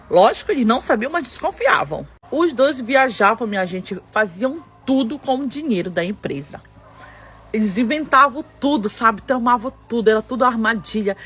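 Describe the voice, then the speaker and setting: Animated breathy Brazilian woman storyteller. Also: on the high side. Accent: Brazilian Portuguese. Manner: animated, addresses listeners directly. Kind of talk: dramatic first-person storytelling.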